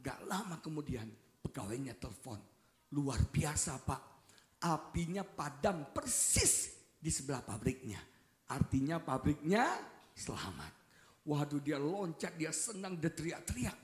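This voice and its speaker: Animated preacher with a high, lively voice. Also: male voice, measured pace. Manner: animated storytelling, joking, often addresses listeners as "saudara". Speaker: pastor. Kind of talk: revival sermon. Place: church hall. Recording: echoey church hall.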